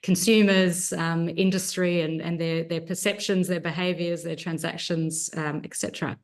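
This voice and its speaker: A woman's voice: lowish voice, flat delivery, moderate pace. A woman with an Australian accent giving a research presentation over a video call, earnest and with frequent "um" fillers. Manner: earnest, many 'um' fillers. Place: home at night.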